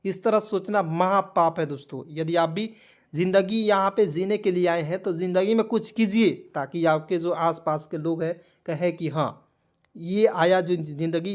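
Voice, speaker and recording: A man's voice: high-pitched, a little mellow. Male teacher, patient and repetitive, quizzing viewers word by word, with motivational asides. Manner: repetitive, coaxing, keeps asking what it reads as. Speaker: English teacher. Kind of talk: blackboard lesson explaining spelling and pronunciation.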